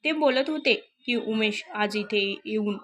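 A woman's voice: mid-range voice, unhurried, a bit bright. A woman reading a storybook, voicing a businesslike middle-aged mother who runs an office. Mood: matter-of-fact. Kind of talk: storybook narration.

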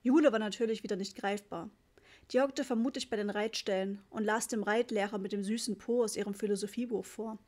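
A woman narrating a children's audiobook in a lively storytelling manner. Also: medium pitch, brisk. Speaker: audiobook reader.

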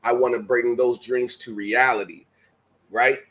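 His pitch is medium and his intonation fairly even, with a measured pace and a fairly bright tone. He's a middle-aged guest speaking from home on a video call, pressing motivational points emphatically and repeating key phrases like a preacher.

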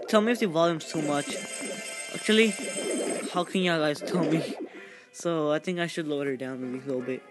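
A man with a fairly high voice gives loose, chatty gameplay commentary. He stumbles through restarts and fillers, then shouts and cheers at the action on screen. Game music plays clearly behind him. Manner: rambling, halting, with many fillers and restarts. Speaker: gaming channel host.

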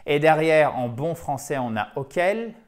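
A man's voice: on the high side, lively intonation. Man, French native speaker, English teacher, video lesson, patient explanations, frequent repetition. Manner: explains slowly, repeats words, checks in with "ok?".

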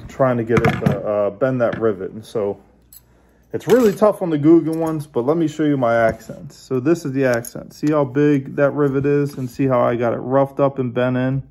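Man, dark mellow tone, average pitch, relaxed how-to talk, hands-on demo. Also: normal speed. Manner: relaxed, hands-on, talks while working with pliers. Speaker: bass angler, channel host. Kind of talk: casual how-to demonstration.

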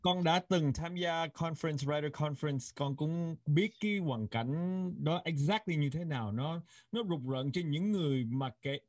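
A man's voice: on the high side, moderate pace, few pauses, no room sound. US-born man hosting an interview. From United States. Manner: earnest, mixing Vietnamese and English. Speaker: host.

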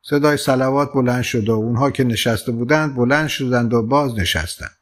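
A man reading a literary story aloud as an audiobook narrator, in a calm, measured storytelling voice. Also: medium pitch. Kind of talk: scripted narration.

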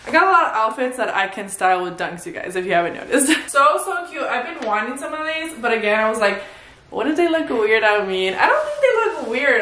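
Her voice is a little high and a bit bright, with some hiss or hum in the echoey room. The young adult woman is a fashion vlogger doing a relaxed try-on haul to camera, bubbly, chatty, and forever calling her audience "you guys."

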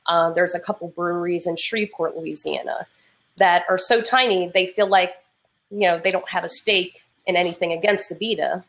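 A woman's voice: lowish voice, moderate pace, a bit bright. A woman from Pennsylvania joining a casual beer chat, talking with a slight lisp. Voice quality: slightly lispy.

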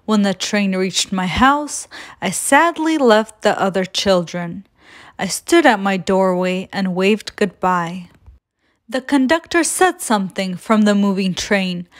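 Female storyteller, slow gentle picture-book read-aloud, mid-pitched voice. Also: expressive. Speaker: children's storyteller.

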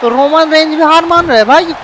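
A man giving excited, casual commentary over a wrestling video game and often shouting. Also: very high voice, moderate pace. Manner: excitable, shouts often, calls people bhai. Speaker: gameplay commentator. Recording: noisy background with crowd sounds. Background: video game arena crowd and noise.

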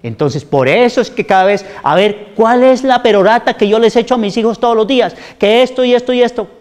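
Colombian Spanish man, high-voiced health speaker, keeps asking "right?", long hall echo. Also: fairly quick. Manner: animated, rhetorical questions with repeated "¿cierto?". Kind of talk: informal health talk to a group.

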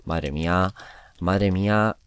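A fairly low-voiced man from commentates his own gameplay live. He talks in an excitable rush, repeating short phrases over and over and jumping from shouts down to mutters. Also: slow, clear, resonant tone, no room sound. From Spain. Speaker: gaming YouTuber.

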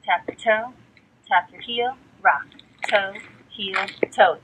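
A woman's voice: mid-range voice, slow pace, very noisy. A woman teaching a tap step, chanting the steps from a distance. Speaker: dance instructor. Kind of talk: dance tutorial.

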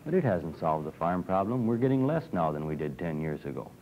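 Young man, low-ish voice, earnest panelist; dull 1960s studio film audio. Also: big pitch swings, fairly quick, slight background noise. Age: young adult. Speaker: farm organization member. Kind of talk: TV panel discussion. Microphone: desk microphone.

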